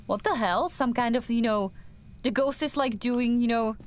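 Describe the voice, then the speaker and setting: A young woman with a Czech accent chats casually while streaming a game, her voice a little high and her speed normal. She sounds hesitant, with lots of fillers and restarts.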